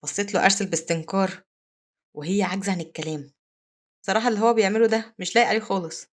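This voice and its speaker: A woman with an Egyptian Arabic accent narrating a comic recap in a rapid, even manner. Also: mid-range voice. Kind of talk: scripted story narration.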